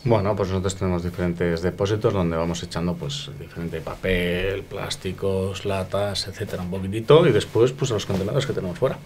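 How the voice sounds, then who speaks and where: A young adult man, a chef, calmly explaining how his restaurant works, in a casual, filler-laced way, in a dining room. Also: low-pitched, brisk, hardly any pauses, slight background noise. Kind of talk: casual interview answers.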